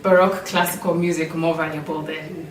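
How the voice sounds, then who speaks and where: A low-voiced Kenyan woman, whose accent carries British-school influence, talks to a group indoors at an in-person meeting. She's a performer giving a reflective personal talk, with a flat delivery at a slightly fast pace. The sound is echoey, recorded from a distant mic with faint noise.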